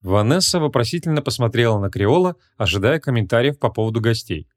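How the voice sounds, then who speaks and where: A man narrating a humorous fantasy audiobook in a measured, expressive reading. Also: medium pitch, no room sound, studio quality.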